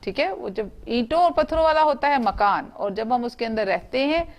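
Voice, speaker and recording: A woman's voice: on the high side, lively intonation, moderate pace, muffled recording. A woman teaching young students in an online class, speaking, spelling out words letter by letter and asking the class questions.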